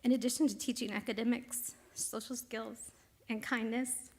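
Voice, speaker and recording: Soft-spoken middle-aged woman reading aloud. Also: fairly high pitch, fairly even intonation. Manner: quiet, measured reading that drops to near whispers. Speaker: congregation member and teacher. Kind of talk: reading a personal essay aloud. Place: synagogue sanctuary.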